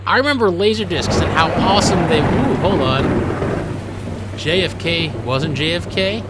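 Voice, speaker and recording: A man in his late twenties giving casual let's-play commentary, musing quietly and sometimes bursting out excitedly. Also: a little high, normal speed, very noisy. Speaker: gaming video host.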